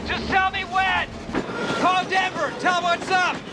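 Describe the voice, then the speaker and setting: A man's voice: extremely high pitch, little pitch movement, unhurried. An actor playing a desperate, defiant train crewman in a disaster film, his voice urgent and strained over engine noise. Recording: loud music and train roar behind.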